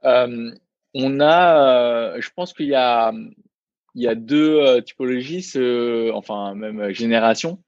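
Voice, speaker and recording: A man co-founder of a restaurant chats on a podcast, hesitant and full of restarts. His voice sits at a middle pitch. The recording is dry and a little dull. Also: darkish tone, no echo. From Vietnamese heritage, raised in France. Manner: halting, many fillers and restarts. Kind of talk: casual podcast interview.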